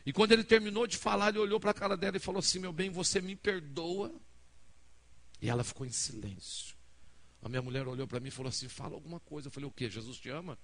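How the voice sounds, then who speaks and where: A man's voice: medium pitch, rapid-fire, a bit bright. A man from Brazil, a pastor preaching a sermon, telling a story and acting out each person's lines to the congregation. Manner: dramatic storyteller acting out dialogue, addressing the congregation. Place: church hall.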